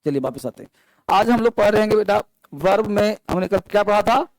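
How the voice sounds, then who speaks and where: A male teacher with a high-pitched voice lectures a classroom, quizzing the children as he explains. The sound is close and dry, with no room echo. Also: animated, brisk. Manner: addresses students as children, asks the class questions. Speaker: English teacher. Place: classroom with students, also streamed online.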